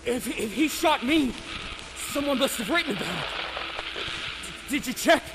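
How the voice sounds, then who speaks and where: A man's voice: very high-pitched, expressive, normal speed, gravelly, music in the background, heavily acted, poor audio. An actor playing a wounded male sheriff, speaking in urgent, clipped radio talk in video game dialogue. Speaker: sheriff character.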